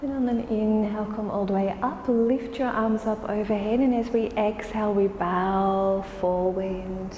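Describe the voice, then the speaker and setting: Slow, mellow woman guiding yoga. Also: mid-range voice. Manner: calm, soothing, unhurried. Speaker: yoga instructor. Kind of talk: guided yoga class instruction. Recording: roomy, reverberant space with faint noise.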